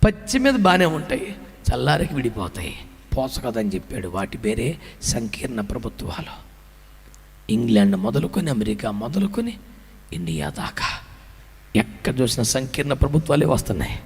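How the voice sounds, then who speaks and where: A man preaching a sermon as pastor, building to shouts and calling on the congregation to answer him back. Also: mid-range voice, sing-song, normal speed, creaky, long pauses. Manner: fiery, builds to shouts and drills the congregation with call-and-response questions. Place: large hall with a congregation. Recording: long hall reverb.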